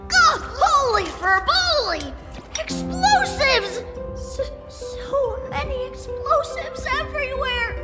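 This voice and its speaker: A woman voicing a tiny beeping drone-like reporter creature in a video game, chirpy, excitable and frantic. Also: extremely high pitch, full character voice. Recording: game audio with loud music and long reverb.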